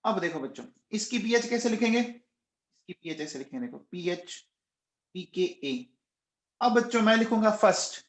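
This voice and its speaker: An expressive, high-pitched man teaches a live online chemistry class at a moderate pace in an echoey room. Over and over he coaxes and quizzes the students, raising his voice to get answers and declaring he's shouting nonstop.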